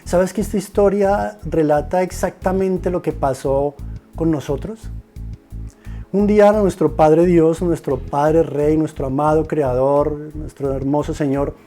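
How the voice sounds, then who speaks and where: A preacher tells a story and turns it into an earnest reflection, often stopping to restart his sentences. His voice is warm and mellow, pitched somewhat high. Soft music plays faintly under him. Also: measured pace.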